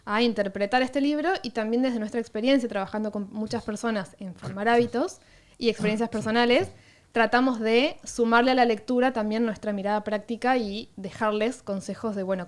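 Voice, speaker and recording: A woman co-hosting a podcast, explaining things in a casual, conversational style. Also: medium pitch. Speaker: podcast co-host.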